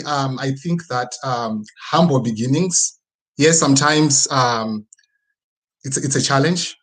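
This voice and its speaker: A man from the rural Midlands of Zimbabwe, speaking with a Zimbabwean accent, gives a personal, motivational talk as a guest speaker in an online video presentation with screen sharing. His mid-range voice has a breathy edge, and the recording is rough. He keeps things conversational, often checking in with short tag questions to seek agreement.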